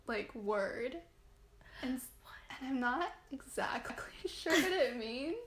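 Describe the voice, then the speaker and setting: A woman's voice: high-pitched, animated, measured pace, fairly bright tone, reverberant. A young woman guest in casual chat, rambling with lots of "like" and "um". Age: young adult.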